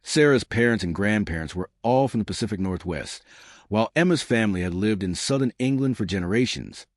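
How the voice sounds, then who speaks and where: A man giving measured scripted narration of a true story. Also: on the low side, animated, no room sound, clean studio sound.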